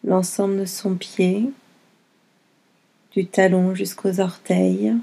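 Long pauses separate the short, soothing phrases of a woman leading a yoga nidra meditation. Her mid-range voice is soft, husky, dark and mellow, with a flat delivery and a light fry on each gentle, unhurried instruction.

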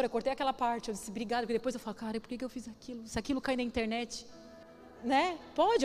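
A woman's voice: high-pitched, darkish tone. A woman pastor with a Brazilian Portuguese accent preaching at a women's church gathering, emotional and conversational, asking the audience questions. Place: church hall. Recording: echoey church hall with music.

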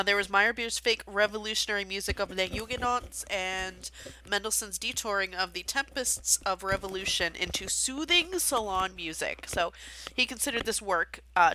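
A woman's voice: mid-range voice, normal speed, sharp tone, a little hiss or hum. A woman hosting a podcast, an amateur pianist talking casually about her practice and a composer's life, with many fillers and rambling asides. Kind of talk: casual solo chat.

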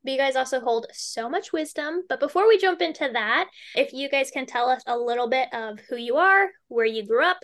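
A woman's voice: high voice, lively intonation, a little fast, hardly any pauses, fairly bright tone. A woman hosting a podcast, chatty and enthusiastic as she introduces her guests. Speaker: podcast host. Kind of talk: warm conversational podcast hosting.

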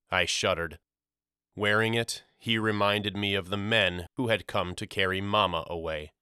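A man reading a first-person novel aloud as an audiobook narrator, in a measured storytelling delivery. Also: lowish voice, sharp tone, smooth, no room sound, clean studio sound.

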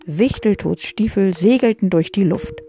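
A woman reading a children's book aloud, gently addressing young listeners. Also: mid-range voice, measured pace, soft background music.

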